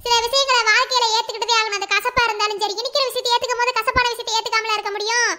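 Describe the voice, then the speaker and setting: A woman's voice: very high voice, steady tone, rapid-fire, pushed and bright, slight background noise. A woman voicing a motherly middle-aged aunt with a Madurai Tamil accent, lecturing a bride-to-be in a cartoon. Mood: coaxing. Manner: long preachy advice, coaxing questions. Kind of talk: cartoon voice acting.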